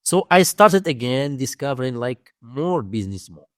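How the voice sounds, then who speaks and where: His mid-range voice has a sing-song lilt, and there's no room sound at all. The speaker, a Moroccan-accented domain investing teacher, tells interview stories conversationally in faltering, repetitive English.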